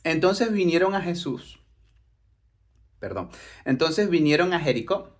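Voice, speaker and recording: A man's voice: on the high side, animated, a little slow. A male preacher delivers a Bible-teaching sermon, reading verses aloud and then unpacking them. He talks the congregation through the passage, leaning on rhetorical questions to keep them following along. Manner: explanatory, rhetorical questions, reads scripture then comments.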